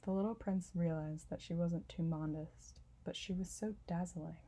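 A woman narrating a classic storybook in a calm, measured reading voice. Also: lowish voice, low-quality recording. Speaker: audiobook narrator.

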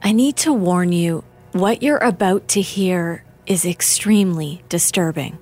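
A woman narrating a documentary in a measured, deliberate, scripted way. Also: fairly low pitch, darkish tone, soft background music.

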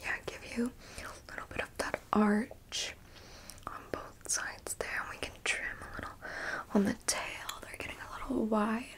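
Slow breathy whispering lady doing an eyebrow appointment roleplay, a bit high voice. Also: fairly even intonation. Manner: soft close whispering, repeating words. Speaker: beautician in a roleplay. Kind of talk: ASMR roleplay.

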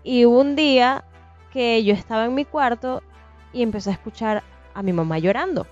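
A woman in her thirties, co-hosting a casual podcast chat, telling a personal ghost story with animated, acted-out detail. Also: a little high, moderate pace. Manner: animated storyteller, swears it's true, acts out scenes. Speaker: podcast co-host. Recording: dull lo-fi sound with faint music.

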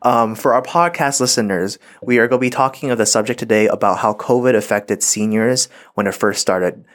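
A young man hosting a casual podcast, chatting in a relaxed, slangy way while eating. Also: lowish voice, a little fast. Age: young adult. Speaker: podcast host.

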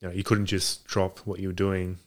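Speaking fairly quickly in a low, completely flat voice, this man is a guest on a podcast. He's a boxing coach sitting in his home garage, and his casual conversation comes out hesitant and meandering.

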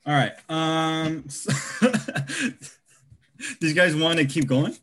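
A man's voice: fairly high pitch, steady tone, slow pace, a bit bright. Teasing young man steering the chat. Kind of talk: casual chat.

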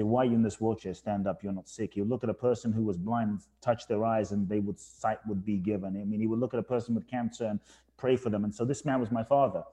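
A man's voice: fairly low pitch, warm tone. A man from Ghana, a podcast guest, telling his life story earnestly, with some restarts. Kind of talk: casual storytelling interview.

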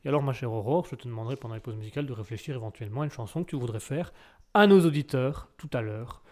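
A man's voice: medium pitch, very fast, dark tone. A young man hosting live radio, joking and mocking himself in banter. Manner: playful, self-mocking banter. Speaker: radio host.

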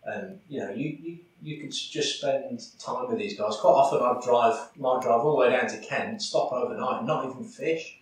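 A man's voice: mid-range voice, moderate pace, few pauses. Chatty man in an echoey room. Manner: chatty, full of fillers. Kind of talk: casual chat about angling. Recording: echoey, far from the mic, faint background noise.

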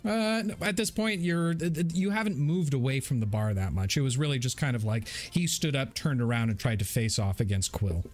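A man narrating a tabletop game as its game master, descriptive and measured. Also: mid-range voice, faint music behind.

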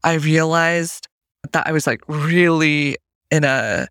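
Guesting on a podcast for a relaxed interview, a woman from Colorado, United States, in her early thirties, talks with light laughs between her thoughts. Her low-pitched voice is slow, smooth, and a bit bright. The studio sound is clean, with no echo.

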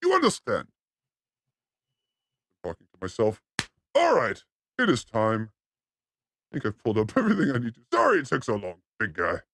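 A man hosting a chaotic comedy stream, joking around in a goofy voice that jumps between pitches. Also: wildly swooping pitch, normal speed, pauses often, fairly bright tone, slight background noise. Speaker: host.

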